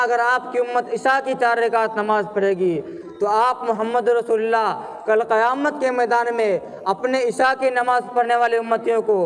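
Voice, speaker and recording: A man delivering an impassioned sermon as a preacher, building to loud, fervent passages. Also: very high voice.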